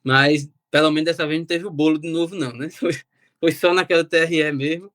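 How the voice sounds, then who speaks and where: Young man, rapid lively storyteller, slightly high voice. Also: no room sound, studio quality. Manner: animated, quotes himself and relatives. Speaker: interview guest. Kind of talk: casual storytelling.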